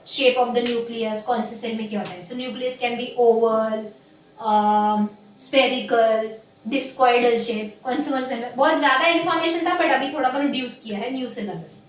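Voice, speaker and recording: High-voiced woman teacher in an echoey room. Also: recorded from a distance, a little hiss or hum. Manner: slow, deliberate stressing of key terms, quizzing students. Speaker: biology teacher. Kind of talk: classroom lecture mixing Hindi and English.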